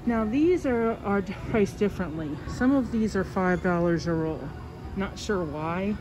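A woman with an unhurried, mid-range voice, muffled by a face mask, walks around a large store filming a casual vlog tour on her handheld phone. She's chatty and apologetic, and the phone recording is noisy with store sounds.

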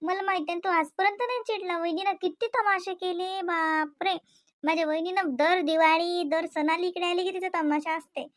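High-voiced woman, worried and insistent. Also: fairly even intonation, normal speed, no room sound, clean studio sound. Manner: worried, complaining, rising to heated insistence. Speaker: wife in a comedy skit. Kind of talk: scripted domestic comedy dialogue.

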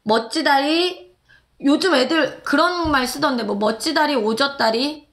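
A bright, high-voiced woman leads a live English lesson for mothers, stretching out each drill word slowly and then chatting quickly and playfully in between. Her tone stays clear and forward. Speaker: English teacher for moms.

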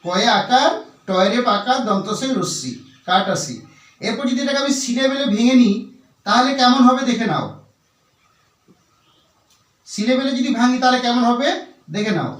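A man teaching English vocabulary in Bengali, speaking slowly and repeating words, spelling them out letter by letter. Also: very high-pitched, expressive, reverberant, recorded from a distance.

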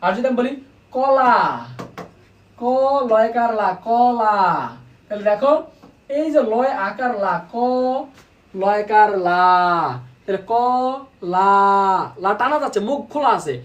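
A woman's voice: medium pitch, moderate pace, roomy sound, recorded from a distance. A woman teaching an online class, repeating key words and asking students questions.

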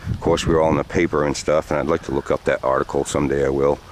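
A man's voice: very deep voice, little pitch movement, rapid-fire. A man in his forties telling a story outdoors while walking a trail, rambling with many fillers, recorded on a handheld camera. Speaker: vlogger. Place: outdoors on sandy trails by woods. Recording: faint outdoor noise.

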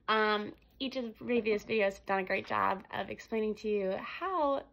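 Earnest young woman with a gravelly edge. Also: medium pitch, a bit bright, low-quality recording. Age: young adult. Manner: earnest, conversational, frequent ums. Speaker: student devotional speaker. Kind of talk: casual devotional talk to camera. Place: small room indoors. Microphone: phone camera at arm's length.

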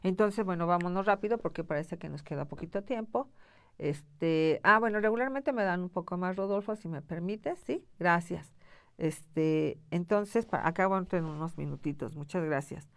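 A woman gives a live lecture on handling emotions. She talks in a loose, conversational way, pausing on filler words and often checking that her listeners follow. Her voice is on the low side, and the sound is dry and close. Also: no room sound. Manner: conversational, frequent "este" fillers and "¿sí?" check-ins. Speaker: thanatology instructor.

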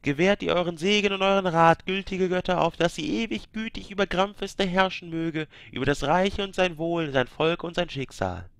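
A man voicing a solemn high priest who proclaims a ceremonial blessing in a high, chanting voice. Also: moderate pace, creaky, few pauses, a bit bright, clear, resonant tone, no room sound.

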